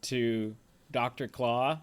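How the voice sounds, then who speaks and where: A man's voice: medium pitch, steady tone, extremely slow, clean tone. A man co-hosting a movie podcast in casual chat, sharing trivia with lots of fillers. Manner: chatty, full of fillers and trivia asides. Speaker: podcast co-host.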